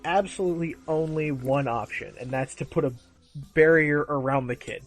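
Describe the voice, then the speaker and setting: A man's voice: a little high, normal speed, soft background music. A sleep-deprived man chatting casually as co-host of a fan commentary, animatedly mimicking characters as he talks. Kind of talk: casual chat. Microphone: home microphone.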